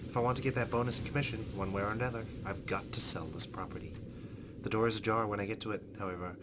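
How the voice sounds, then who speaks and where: Reading a visual novel's text aloud and slipping in side remarks, this let's play host speaks quickly in a fairly low male voice. A loud, steady hum of background noise fills the recording.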